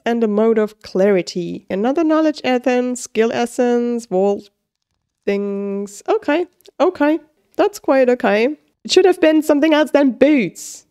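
A woman commentating her own gameplay, excitable, gasping and pleading with the game as she plays. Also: fairly high pitch. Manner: excitable, gasps and squeals with delight. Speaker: gaming video creator.

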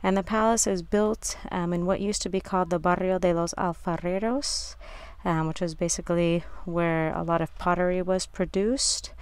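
A woman's voice: lowish voice, steady tone, moderate pace, clean tone, no room sound. A woman narrating a casual walking tour as a local guide, recorded outdoors on a handheld device. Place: outdoors in city garden and streets.

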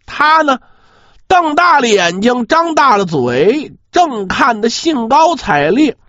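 In this dramatic traditional pingshu performance, a man speaks at an extremely high pitch, slow yet animated. His particles stretch out long, and he poses rhetorical asides to the audience, all captured in roomy, somewhat dull sound.

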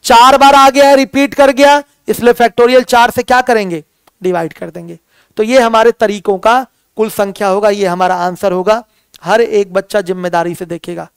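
High-voiced man teaching math. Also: steady tone, moderate pace, clean tone, dry recording. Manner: calls students "my children", asks questions and answers them himself. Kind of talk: classroom lecture.

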